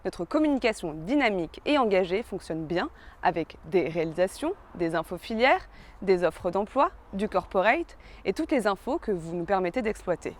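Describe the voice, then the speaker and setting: A woman's voice: medium pitch, lively intonation, normal speed. A woman giving a scripted corporate presentation as a social media presenter.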